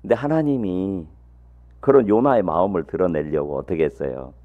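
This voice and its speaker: A man preaching a sermon as a missionary, telling the story in a lively, folksy way and asking his congregation rhetorical questions. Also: low voice, normal speed, phone-quality sound. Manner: folksy, humorous asides.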